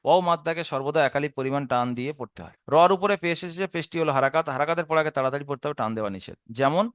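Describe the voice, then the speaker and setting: A man teaching a Quran reading lesson. He draws out the Arabic syllables slowly, then explains the rules quickly, with a Bengali accent. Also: a little high, a bit bright, smooth, dry recording, studio quality. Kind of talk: spelling out Arabic letters in a recorded lesson.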